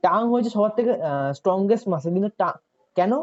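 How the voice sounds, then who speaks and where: A fast, animated tutor with a mid-range voice leads a chatty online coaching class. They keep asking students questions and checking comprehension, repeating "ঠিক আছে," and the sound is dull and lo-fi.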